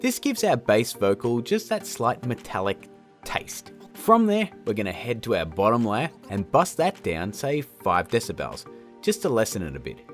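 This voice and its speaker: This audio effects tutorial host, a man in his thirties, keeps things informal and addresses the audience as "guys" while music plays underneath. He speaks at a moderate pace in a fairly low voice that rises and falls dramatically.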